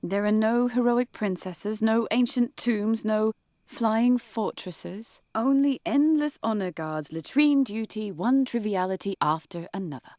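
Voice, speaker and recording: A woman's voice: mid-range voice, expressive, unhurried, warm tone, no echo, close to an everyday voice. An actress playing a restless, dreamy young woman guard who speaks in an earnest, wistful way. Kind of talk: game voice acting.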